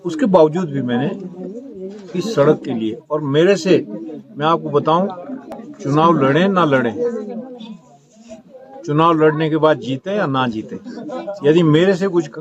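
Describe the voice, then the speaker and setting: A middle-aged man addresses villagers in an earnest, repetitive, self-assured campaign speech, his voice sitting a little high for a man. He speaks in a village courtyard with a crowd of listeners audible around him. The recording is dull and lo-fi. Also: animated, a little slow, long pauses.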